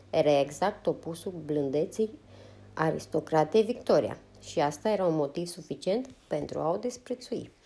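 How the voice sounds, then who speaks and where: A woman narrating a novel as an audiobook in a steady, unhurried reading. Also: low-pitched. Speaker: audiobook reader.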